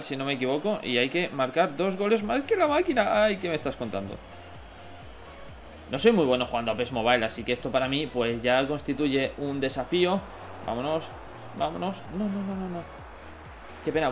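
Excitable young man, gameplay commentary. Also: on the high side, a little hiss or hum. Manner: excitable, talks to viewers and players, bursts of shouting. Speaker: gaming YouTuber. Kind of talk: mobile football gameplay commentary.

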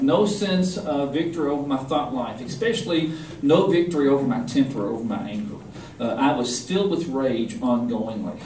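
A man's voice: medium pitch, recorded from a distance, a little hiss or hum. Man telling a testimony in an echoey hall. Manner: animated storytelling, acting out the quotes. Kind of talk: personal testimony sermon. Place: conference hall.

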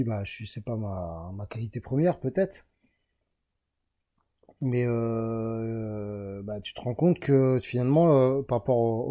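French male host, casual self-correcting explainer, very dark timbre. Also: mid-range voice. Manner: rambling, self-correcting, talks to the viewer as "tu". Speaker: self-help video host. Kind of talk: casual explanatory monologue while drawing a chart.

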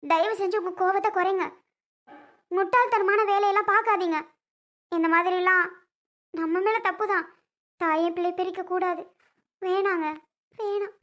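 A woman's voice: extremely high pitch, fairly even intonation, moderate pace, pauses often, fairly bright tone. A woman voicing a heartbroken young woman who talks in a weepy, pleading, self-pitying way. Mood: tearful.

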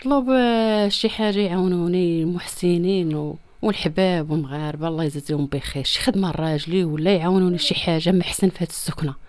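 Her voice is lowish and dark, and she talks fast: a woman in her thirties, Moroccan-accented, pleading insistently and plaintively for help. The interview takes place in a small room at home, with a handheld reporter's microphone close to her mouth.

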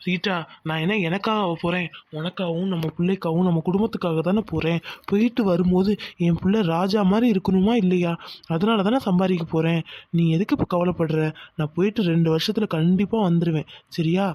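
A man's voice: high voice, steady tone, fairly quick, a little mellow, natural voice. A man playing a firm, caring young husband. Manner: firm, reassuring.

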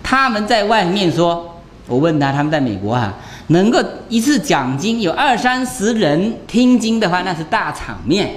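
A man's voice: high voice, very animated, moderate pace, slight background noise. A man, a Buddhist monk, giving a conversational dharma lecture, talking in a chatty way and often tossing rhetorical questions to his listeners.

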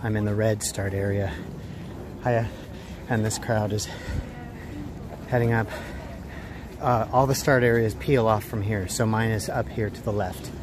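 A middle-aged man with a fairly low voice talks casually to his phone. He rambles in a self-deprecating way, like a running vlogger giving a personal update. There is faint noise in the recording. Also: steady tone, measured pace, pauses often. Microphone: phone at arm's length. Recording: noisy handheld phone recording.

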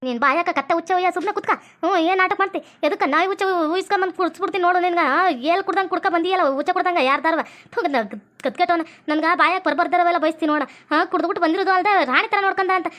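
A woman's voice: very high-pitched, rapid-fire, few pauses, fairly bright tone. A woman voicing a bossy, scornful middle-aged mother-in-law with a North Karnataka Kannada accent, scolding and mocking.

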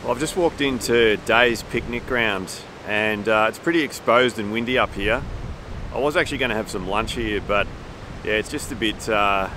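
A man's voice: on the low side, moderate pace. A man, chatting easily with fillers while walking a windy forest trail, filmed on a camera held at arm's length. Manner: easygoing, meandering, with many fillers. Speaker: hiking vlogger. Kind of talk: casual walking commentary. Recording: background music over outdoor audio. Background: clear music.

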